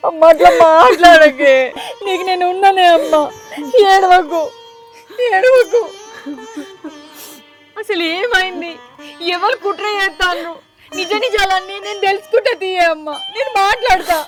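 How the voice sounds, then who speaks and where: A woman's voice: very high voice, unhurried, long pauses. A woman with a Telangana accent playing a young daughter who comforts her mother and sternly confronts a liar. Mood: tender. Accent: Telangana Telugu. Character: fierce loyal daughter, protective and stern. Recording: film music underneath.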